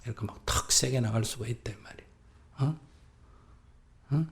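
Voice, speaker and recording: A Buddhist monk with a Gyeongsang accent, animatedly answering a questioner in a live dharma talk and acting out both sides of conversations. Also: male voice, medium pitch, little pitch movement, very fast, creaky, fairly bright tone. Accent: Gyeongsang Korean.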